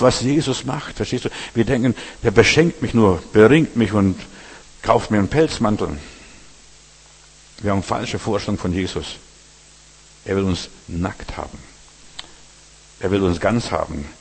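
A man's voice: fairly low pitch, slightly rough, big-room sound. A man preaching a sermon, addressing listeners directly with frequent asides asking if they understand.

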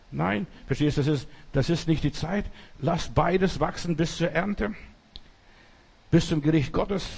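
Man preaching, emphatic sermon, husky voice, fairly high pitch. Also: darkish tone.

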